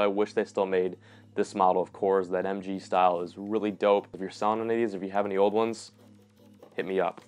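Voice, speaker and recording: Young man, fishing channel host, casual gear review, enthusiastic, slangy, home studio room. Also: on the low side. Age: young adult. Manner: enthusiastic, slangy, quick asides.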